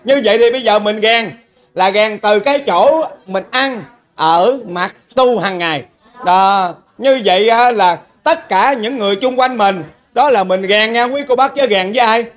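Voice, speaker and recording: A man preaching in a folksy way with a Southern Vietnamese accent. His voice sits extremely high for a man. He tells homely stories and keeps turning to the audience for a nod of agreement. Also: moderate pace. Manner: storytelling, keeps asking the listeners for agreement. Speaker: lay preacher. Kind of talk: folksy sermon.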